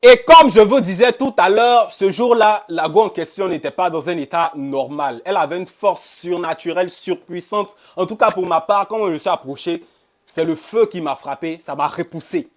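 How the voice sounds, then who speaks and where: A man's voice: high-pitched, moderate pace. A man telling a true-life story casually, quoting other people's words and repeating phrases for effect. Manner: animated, repeats phrases, quotes others in dialogue. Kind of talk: casual first-person storytelling.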